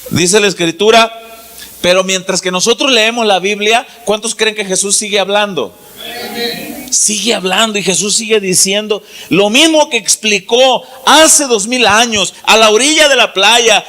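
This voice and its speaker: A male pastor delivers a sermon, slowing down for dramatic pauses and voicing the people in his stories. His voice sits high and rings bright and forceful. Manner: preaching with dramatic pauses, acting out quoted dialogue.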